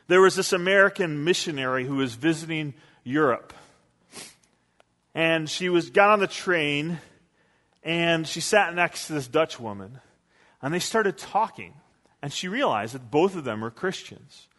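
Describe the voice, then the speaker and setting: A man's voice: on the high side, lively intonation, unhurried, fairly bright tone. A man preaching a sermon as a pastor, talking conversationally and telling stories with quoted asides. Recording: long hall reverb.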